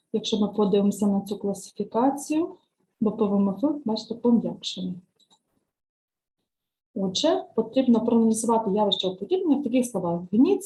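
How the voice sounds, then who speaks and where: A woman teacher trainer giving a step-by-step screen-share software tutorial, patiently explaining each click and lesson task and often checking "right?". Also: medium pitch, a little hiss or hum, rough recording.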